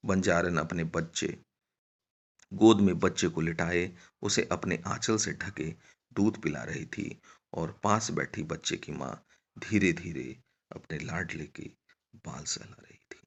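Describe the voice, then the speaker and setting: A man narrating a written short story in a measured, dramatic reading. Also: sits low, vocal fry, breathy edge. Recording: dull lo-fi recording.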